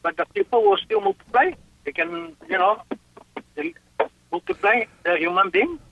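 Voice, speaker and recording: A man's voice: high-pitched, very animated, normal speed, a little hiss or hum. A man calling in to a radio show, heard over a phone line, asking his question hesitantly and repeating words. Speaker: caller. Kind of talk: call-in question.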